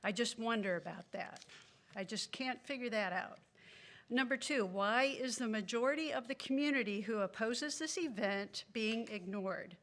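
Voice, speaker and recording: A woman's voice: on the high side, normal speed, fairly bright tone. A woman giving public comment at a city council meeting, indignant and earnest, speaking into a podium microphone. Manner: indignant, earnest, apologetic asides.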